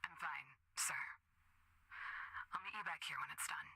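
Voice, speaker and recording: An actress playing a troubled, earnest female sergeant in a video game, speaking in a hushed, breathy voice. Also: sits low, normal speed, background noise. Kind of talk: dramatic video game voice acting.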